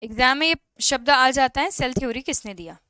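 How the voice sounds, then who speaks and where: A high, bright woman teaching an online class with a smooth, clear voice. She explains in Hindi and reads English questions aloud slowly. The recording is dry and close. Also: expressive, no room sound. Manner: answers student chat questions by name.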